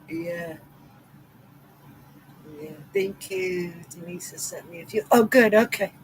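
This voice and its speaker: A middle-aged woman hosting a livestream talks very slowly in a lowish voice, pausing often as she casually and affectionately greets viewers by name. She's from Massachusetts with a Southeastern Massachusetts accent, and the rough recording has slight background noise.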